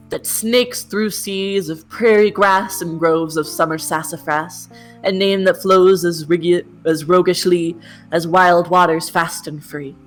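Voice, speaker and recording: Woman as a slow-talking, theatrical vagabond poet cat. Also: lowish voice, close to an everyday voice. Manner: grandiose, declaiming. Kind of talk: amateur cartoon dub. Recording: guitar music behind.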